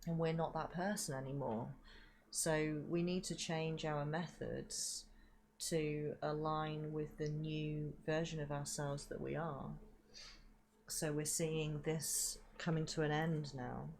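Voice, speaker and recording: A woman giving a spiritual card reading in a slow, soft, reflective way, with frequent ums and repeated words, into a desk microphone at home. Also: low-pitched, flat delivery. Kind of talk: livestreamed tarot reading.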